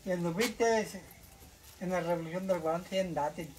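A man's voice: high voice, moderate pace, crowd noise, poor audio. An older man, bantering with his son and mumbling, saying he can hardly speak. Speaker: vlogger's father. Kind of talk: casual banter.

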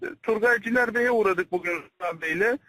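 A man with a notably high voice reports respectfully to a superior over a landline phone. The sound is dry, with the feel of a privately recorded call, and his manner is deferential throughout. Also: moderate pace, pushed and bright, dry recording. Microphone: telephone line.

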